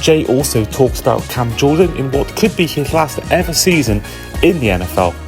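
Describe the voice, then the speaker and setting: A man from Wales reads a brief scripted podcast intro in an upbeat tone. His voice is mid-pitched. Music plays clearly underneath. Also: lively intonation, moderate pace. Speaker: podcast host.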